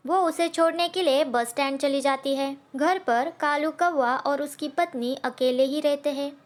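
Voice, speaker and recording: A woman tells a children's cartoon story in a simple, steady storyteller's manner. Her voice sits high and clear. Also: unhurried. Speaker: narrator.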